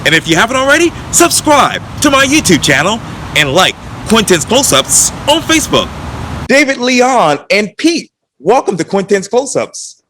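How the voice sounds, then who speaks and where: A man's voice: high voice, moderate pace, a little hiss or hum. A man hosting a local video interview show, introducing guests and asking questions in an upbeat way. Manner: upbeat, lively intro delivery.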